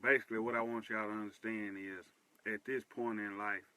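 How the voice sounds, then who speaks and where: A man's voice: fairly low pitch, flat delivery, fairly quick, bright, forceful tone, slight background noise, poor audio. A man in his thirties hosting a show, talking earnestly about his life in a personal monologue, repeating points for emphasis. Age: 30s. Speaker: host.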